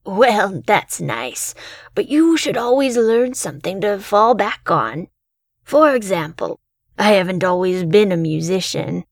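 A woman voicing a sly male street musician who speaks with a foreign accent, gentle and teasing. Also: medium pitch, expressive, measured pace, gravelly, dry recording, studio quality.

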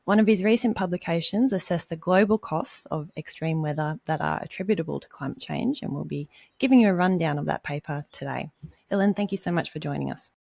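A woman with an Australian accent, reading a scripted podcast introduction clearly and evenly as co-host. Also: fairly low pitch, brisk, darkish tone, no echo.

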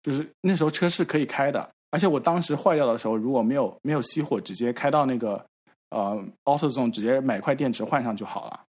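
A man on a podcast, casually telling a story in halting repeats and acting out the quoted dialogue. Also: mid-range voice, a little mellow. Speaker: podcast regular. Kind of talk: casual chat.

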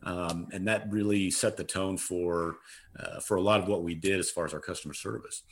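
With a deep voice and steady tone at a moderate pace, a middle-aged man answers interview questions as a guest. He's a customer service consultant who speaks earnestly and emphatically, returning again and again to his key phrases.

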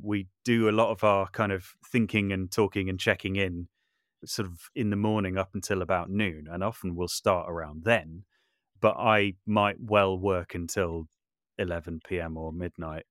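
In a low, steady voice with a fairly bright tone and normal speed, a man chats casually as a guest on an interview. The composer and voice artist is thoughtful and self-deprecating, often looping back to rephrase things. The clean studio sound, free of room noise, was captured in his small brick outbuilding home studio.

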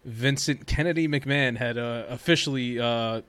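A man with an average-pitched voice hosts a casual podcast. He tells things in a loose, rambling way, feeling his way through the details as he goes. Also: normal speed, a bit bright, smooth, no echo. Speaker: podcast host. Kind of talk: casual chat about wrestling news.

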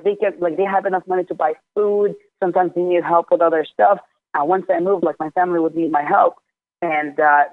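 This man's voice sits high and carries no echo, though it comes through a tinny phone line. He is in his twenties, from Jordan, and speaks as a guest in a relaxed interview, telling his story openly and emphatically while swearing a lot.

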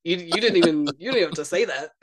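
A man's voice: on the high side, animated, brisk, a loud crowd. A man talking casually as a podcast guest, protesting with playful drama and quoting himself a lot. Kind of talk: casual family chat.

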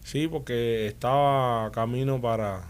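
A man's voice: mid-range voice, measured pace, clear, resonant tone. A man with a Cuban Spanish accent recounts his experiences in a casual conversational interview. He talks animatedly, restarts his sentences often and keeps checking in with his listeners. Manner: animated storytelling, frequent restarts and "¿me entiendes?". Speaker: interview guest.

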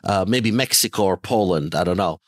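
A middle-aged man from Italy in animated, joking conversation, often restarting his sentences. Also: low-pitched, fairly quick, no echo, clean studio sound. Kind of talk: conversational interview.

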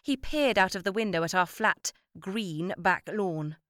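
A woman reads a children's story aloud with lively, animated expression. Her pitch moves a lot between lines. The sound is dry and close to the mic. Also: measured pace, no room sound. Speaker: narrator. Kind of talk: storybook reading.

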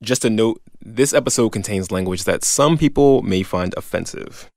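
A man co-hosting a radio podcast, narrating a script in a calm, measured way. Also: on the low side, no room sound, studio quality. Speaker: podcast co-host.

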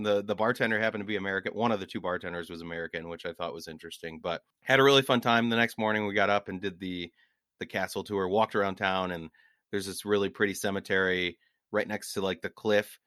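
Low-voiced man telling rambling travel stories. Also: fast, fairly bright tone, no room sound, clean studio sound. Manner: rambling storyteller, laughs at own stories. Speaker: podcast co-host. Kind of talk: casual travel chat.

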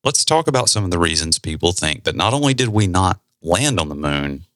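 A man with a very low voice and a forceful, bright edge hosts a podcast. He explains at an easy conversational pace, slipping in casual asides. The sound is close and dry, with no room around it. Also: sing-song, a little fast, no room sound. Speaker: podcast host.

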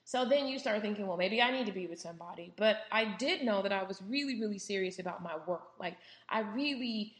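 A woman talks through her solo podcast in a candid, conversational way, full of fillers and little asides. Her voice sits at a middle pitch and carries the ring of a roomy, echoing space. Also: expressive, brisk, few pauses, a bit bright. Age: 30s. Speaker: podcast host. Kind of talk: casual solo podcast monologue. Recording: roomy echo.

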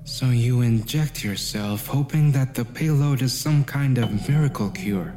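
A woman playing a steady companion who urges on and reassures a wounded friend in an audio drama. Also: very deep voice, measured pace, faint music behind. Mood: low, probing. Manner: urging, reassuring. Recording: noisy ambience behind.

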